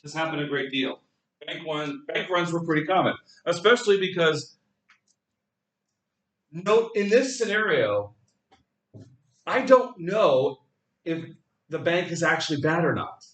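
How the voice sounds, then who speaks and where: A man's voice: a little high, a little slow, pauses often. A male economics lecturer teaching a class, acting out little scenes and putting questions to his students. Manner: lively storytelling, acts out scenes, asks students questions. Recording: echoey classroom, voice from far off.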